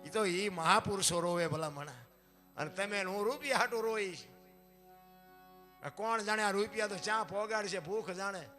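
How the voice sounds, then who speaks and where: Bright, high-voiced Kathiawadi preacher. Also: male voice. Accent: Kathiawadi Gujarati. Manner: emphatic preaching, often addresses listeners as "bapu", loudness rising and falling. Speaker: devotional folk artist. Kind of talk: devotional sermon on saints and scripture.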